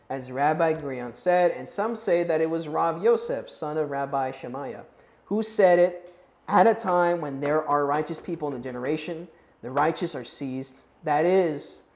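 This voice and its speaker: Man, youth Bible class teacher, somewhat high voice, casual and conversational, roomy echo. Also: darkish tone. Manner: conversational, checks in with the class, unsure of Hebrew and Greek pronunciations.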